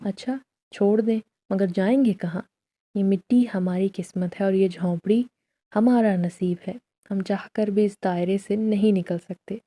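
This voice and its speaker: A woman voicing a weary, secretive poor mother in a storybook tale, speaking in a soft, resigned, warning way. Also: medium pitch, steady tone, close to an everyday voice.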